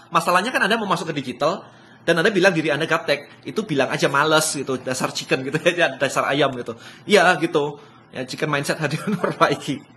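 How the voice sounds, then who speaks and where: An excitable man talks in a live-stream motivational business session. His voice sits a bit high and comes out bright and forceful, and he laughs often as he talks. He drops English phrases into his casual speech. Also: a little hiss or hum. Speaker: business speaker.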